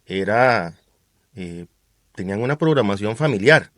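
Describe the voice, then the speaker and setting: A man with a Costa Rican accent co-hosting a talk show, speaking in a measured, relaxed way and often ending his remarks with a tag question. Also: lowish voice, dry recording, clean studio sound. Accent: Costa Rican Spanish. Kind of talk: casual discussion.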